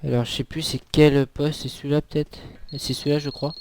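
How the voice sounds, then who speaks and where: A young man giving a casual, halting tutorial on a shooter game while he plays, with many fillers. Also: a little high, little pitch movement, darkish tone, a little hiss or hum. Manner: hesitant, many fillers, talks while playing. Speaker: gaming video creator. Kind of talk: casual gameplay tutorial commentary.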